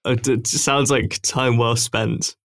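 A man's voice: medium pitch, fairly even intonation, measured pace, fairly bright tone, no room sound, studio quality. A young man hosting a casual podcast chat, laid-back and hesitant with many ums. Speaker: podcast host.

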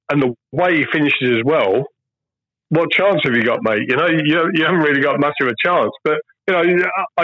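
A man's voice: fairly high pitch, no room sound. Man, ex-darts pro guest, earnest and emphatic, on a dull, dry lo-fi line. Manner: earnest, emphatic, repeats key phrases. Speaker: guest, former professional darts player. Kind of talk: casual phone-in chat.

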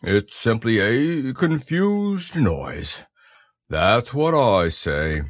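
A man's voice: medium pitch, big pitch swings, extremely slow, no echo, clean studio sound, voice pushed down. A man voicing a gloomy, grumbling old donkey in a ponderous, resigned storybook manner. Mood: gloomy, aggrieved.

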